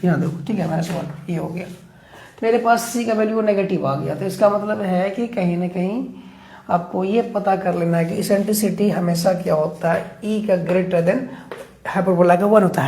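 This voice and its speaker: A man's voice: sits high, creaky, mellow. A man teaching maths at a board, chatty and keeps checking in with his students. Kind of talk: board lesson explaining steps. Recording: echoey room, faint background noise.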